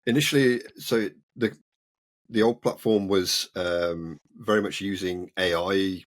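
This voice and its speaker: A man who is the guest in an interview, explaining his work in a relaxed way. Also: deep voice, measured pace. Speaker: guest, cyber security researcher. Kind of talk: casual interview.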